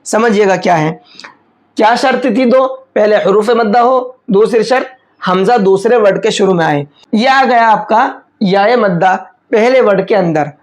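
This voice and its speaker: A man teaching Quran recitation rules step by step. He asks questions aloud and answers them, and he slows right down to recite the example words. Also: sits high. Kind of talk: step-by-step tajweed lesson.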